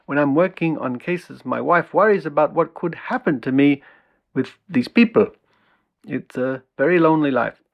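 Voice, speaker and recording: A man voicing a tired, lonely older Dutch male psychic in a heavy put-on Dutch accent, with a gravelly voice. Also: on the high side, moderate pace, dull audio, voice pushed up. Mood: weary.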